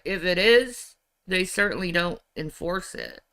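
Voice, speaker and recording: A woman's voice: fairly low pitch, measured pace. A woman streamer chatting casually and sarcastically about online drama, sometimes mocking others with put-on voices. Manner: sarcastic, animated, mocking impressions. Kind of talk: casual commentary chat.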